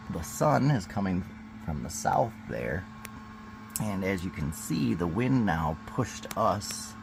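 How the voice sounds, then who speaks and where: A man's voice: extremely low pitch, vocal fry, poor audio. A man vlogging from a boat on a river, talking in a rambling, chatty way with many fillers. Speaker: boating vlogger. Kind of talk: casual vlog narration.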